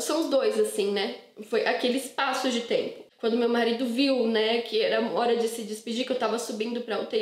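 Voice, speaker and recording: A woman with a Brazilian Portuguese accent telling her personal testimony to viewers in an earnest, emotional, casual way, often repeating words. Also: fairly high pitch. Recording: echoey room.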